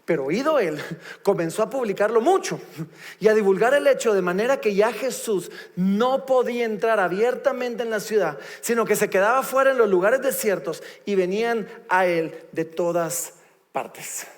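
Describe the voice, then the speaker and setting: A man preaching a lively sermon in a church, reading scripture aloud and retelling it with humor. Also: sits high, normal speed. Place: church sanctuary. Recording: long church reverb.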